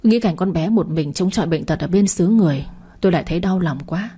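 A woman voicing a gentle older neighbour who is a doctor, in a narrated audio story. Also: fairly low pitch, fast talker, breathy edge. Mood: soothing. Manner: soothing, sympathetic.

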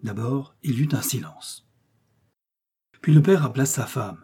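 Male storyteller for a children's tale, mellow and husky, gentle and expressive. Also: medium pitch, a little slow. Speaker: narrator.

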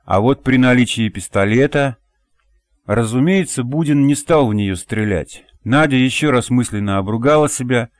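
A man narrating an audiobook in an even, measured reading voice. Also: medium pitch, no echo. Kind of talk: scripted narration.

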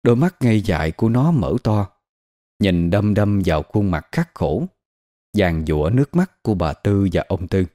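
A man giving scripted horror narration in a dramatic, expressive way. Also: sits low, moderate pace.

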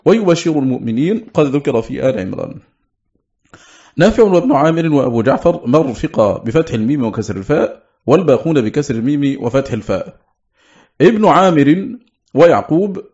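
A man reads a classical scholarly text aloud in a measured, formal manner, his voice sitting at an ordinary middle pitch. The recording sounds somewhat dull and lo-fi, like a home-made audiobook. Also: a little mellow. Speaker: audiobook reader. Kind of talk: reading a classical Quranic recitation text.

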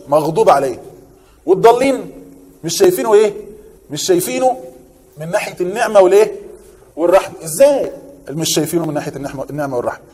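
Preaching with animation in an Egyptian Arabic accent, a man often asks his listeners something and then supplies the answer. His voice is high-pitched and trails off in a long reverb tail.

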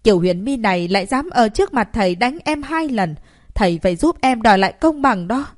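Woman narrator as a spiteful young student, shrill, accusing, whiny; dry recording. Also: lively intonation, brisk, no room sound, natural voice. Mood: whining.

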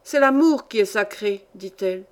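A woman's voice: medium pitch, lively intonation, moderate pace, lightly acted. A woman reading a story aloud, voicing an indignant, worldly old grandmother who lectures her granddaughter with scorn. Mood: lecturing. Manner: scornful, lecturing, sweeping tirade. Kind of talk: audiobook reading.

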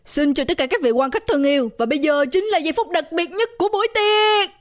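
A woman voicing a bold male emcee who announces loudly to party guests. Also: very high voice, fast talker, voice pushed up. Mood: announcing. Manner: loud announcing.

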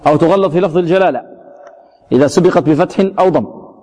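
A man teaching Quran recitation rules, slowly drawing out example words and then briskly correcting mistakes, asking his students questions and answering them himself. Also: fairly high pitch, dark tone, long reverb tail. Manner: slow, drawn-out demonstrations of each word, then quick corrections. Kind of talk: tajweed lesson with recited examples.

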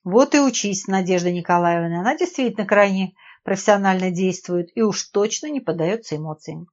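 A woman reading a calm, ironic male spy chief. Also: medium pitch, brisk, close to an everyday voice. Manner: unruffled, dryly persuasive. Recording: dull lo-fi audiobook recording.

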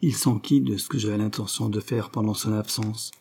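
A man reading a novel aloud as an audiobook narrator, in a measured, literary way. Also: lowish voice, fairly even intonation, creaky, darkish tone, slightly rough. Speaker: audiobook reader. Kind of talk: scripted narration.

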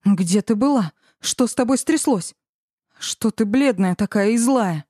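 A woman's voice: mid-range voice, animated, measured pace, mellow, no room sound, clean studio sound, pitched above the performer's own voice. Woman reading a fiery red-haired young witch. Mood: demanding. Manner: hissing, indignant.

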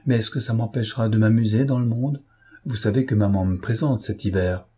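A man's voice: lowish voice, a little fast, warm tone, slightly rough. A man voicing an impish, badly-behaved young noblewoman in an audiobook, teasing and impertinent. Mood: wistful.

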